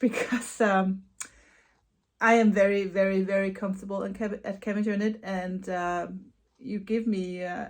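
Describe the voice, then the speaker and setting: A knitting vlogger and yarn dyer from Denmark, speaking at a medium pitch with a Danish accent, answers viewer questions in a casual vlog filmed in her home. She's chatty, laughs softly, and tends to repeat words.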